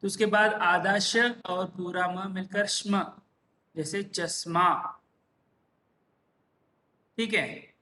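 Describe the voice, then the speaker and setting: A man teacher slowly explaining a lesson, patiently repeating examples one word at a time. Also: high-pitched, steady tone, pushed and bright. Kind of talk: slow classroom explanation. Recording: echoey room.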